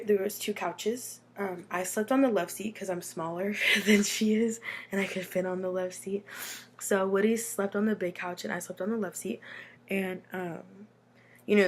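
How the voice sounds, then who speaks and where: A woman's voice: medium pitch, slight background noise. An American woman with a runny nose from being sick, telling a personal story in a casual, chatty, informal way with dramatic asides. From Texas, United States.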